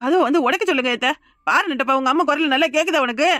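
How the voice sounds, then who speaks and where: Fast-talking Kanyakumari young wife. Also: female voice, sits high, a bit bright, no room sound, clean studio sound. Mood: urgent. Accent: Kanyakumari Tamil. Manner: rapid, insistent, pleading. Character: frightened young village wife. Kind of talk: cartoon voice acting.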